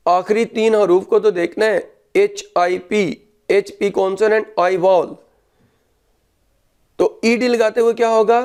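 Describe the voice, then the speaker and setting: High, clear-voiced male teacher. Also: steady tone, a little mellow. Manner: dictates English rules slowly, then explains briskly in Urdu; spells words out letter by letter. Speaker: English grammar teacher. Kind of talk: grammar lesson, dictating and explaining.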